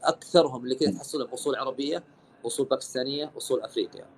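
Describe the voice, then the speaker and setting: Fast-talking man with a Saudi accent. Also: mid-range voice, husky. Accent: Saudi Arabic. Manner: fast, animated, mixes Arabic and English. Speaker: live stream host. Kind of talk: casual live-stream chat.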